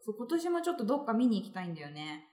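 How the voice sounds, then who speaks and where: High, cute, fast-talking animated woman. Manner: playful, teasing. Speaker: podcast co-host, anime voice actor. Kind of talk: casual banter on a podcast. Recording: roomy, echoey recording.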